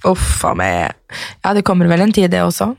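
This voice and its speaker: A woman's voice: lowish voice, wildly swooping pitch, vocal fry, a bit bright, no echo, clean studio sound. A woman in her twenties co-hosting a podcast, telling stories in casual chat and laughing often. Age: 20s. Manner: chatty storyteller, laughs often. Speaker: podcast co-host.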